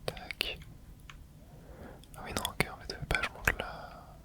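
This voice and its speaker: Hushed whispering ASMR gamer, quiet at night. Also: a little slow. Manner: casual and rambling, thinking aloud while playing. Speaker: video creator and streamer. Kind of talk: whispered ASMR gameplay commentary.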